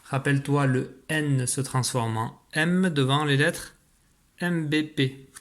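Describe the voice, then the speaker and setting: A male teacher leads a spelling dictation at a calm middle pitch. He is patient and clear and stretches out each sound for the listener. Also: slow. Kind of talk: recorded spelling dictation lesson.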